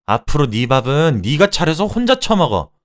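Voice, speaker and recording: A man voicing a fed-up young wife who shouts and scolds her husband in a Korean radio-drama story reading. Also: on the low side, very animated, a little fast. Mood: mocking. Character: furious fed-up young wife, sharp-tongued.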